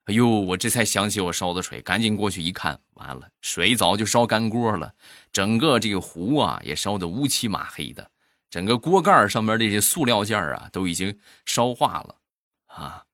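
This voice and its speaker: A man's voice: fairly low pitch, lively intonation, normal speed, fairly bright tone, dry recording, clean studio sound. A man telling comic family stories in a casual, self-deprecating, wry way. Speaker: comic storyteller.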